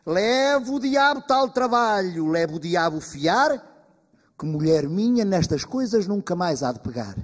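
A man's voice: sits high, big pitch swings, measured pace, mellow, slightly rough, voice pushed up, exaggerated voice. Man doing a grumpy lazy village husband. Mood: fed up. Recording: long reverb of a stage hall.

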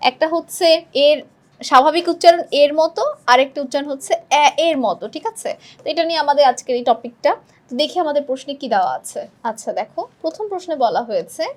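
Woman tutor, high and quick, briskly working through quiz questions. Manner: quick and brisk, often checks in with the listener. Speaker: teacher. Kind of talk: exam-prep lesson, walking through quiz questions.

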